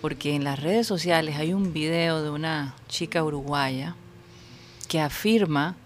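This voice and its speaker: A woman from Colombia hosting an entertainment talk show, expressive and exclamatory, given to dramatic sighs. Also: deep voice, a little slow, faint music behind. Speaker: show host.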